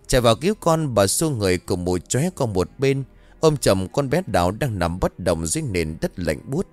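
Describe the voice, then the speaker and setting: A man's voice: lowish voice, sing-song, fairly quick, darkish tone, no room sound, faint music behind. A man narrating a scripted horror story in a dramatic, vivid storytelling manner.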